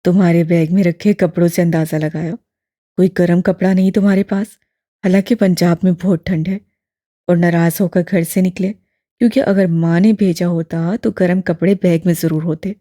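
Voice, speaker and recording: An elderly male imam, kind and unhurried, voiced by a woman reading an audiobook. He speaks in a steady, fatherly tone, low and dark with a husky edge, and sits close and dry on the mic. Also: no room sound, close to an everyday voice. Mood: gentle. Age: older. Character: kindly elderly male mosque imam, calm and patient.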